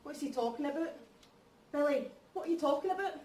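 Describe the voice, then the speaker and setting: An actress in a stage reading playing a concerned wife who talks in a questioning, colloquial way. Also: female voice, high-pitched, fast talker, darkish tone, lightly acted. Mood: shocked. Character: concerned, questioning wife, caught between two men. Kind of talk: rehearsed stage reading of a drama. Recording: echoey room, distant mic, background noise.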